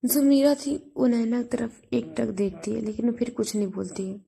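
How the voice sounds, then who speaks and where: A woman's voice: fairly high pitch, normal speed, gravelly, warm tone, husky. A woman narrating a Hindi love story casually, with repeated fillers as she tells it.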